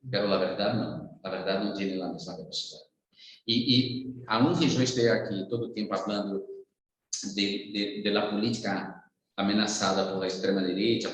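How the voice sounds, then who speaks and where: A Brazilian man, a native Portuguese speaker, giving a political analysis in halting Spanish mixed with Portuguese, searching for words. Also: on the low side, a little hiss or hum. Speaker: guest speaker. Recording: very echoey room.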